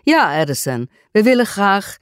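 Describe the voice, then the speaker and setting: A storyteller voicing a genial upper-class gentleman hosting guests in an audiobook mystery. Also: mid-range voice, big pitch swings, a little slow, clean tone, no echo, clean studio sound, pitched above the performer's own voice. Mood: hearty. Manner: hearty, genial.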